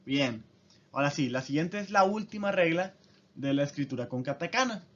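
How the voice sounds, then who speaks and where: Guy teaching a lesson, keeps checking in with listeners, kinda high voice, muffled lo-fi audio. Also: expressive, moderate pace, a bit bright. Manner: explains step by step, often checks in with the listener. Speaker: language teacher. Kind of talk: casual spoken lesson. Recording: dull lo-fi audio.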